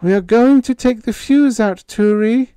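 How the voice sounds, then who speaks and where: A frightened young girl calls out in a high, trembling voice that keeps pleading, as a man puts her on. The pitch sits far above the reader's own low register. The sound is dry and close, with no room around it. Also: unhurried, dark tone, clean tone, no room sound.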